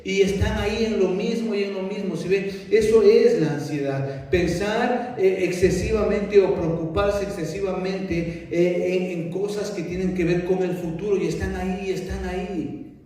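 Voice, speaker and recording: A man's voice: high voice, fairly even intonation, normal speed, mellow. A male pastor preaching a sermon in earnest, repeating himself and asking rhetorical questions, heard from far off in a large echoing room. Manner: earnest, repetitive teaching with rhetorical questions and restarts. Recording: echoey hall, voice from far off.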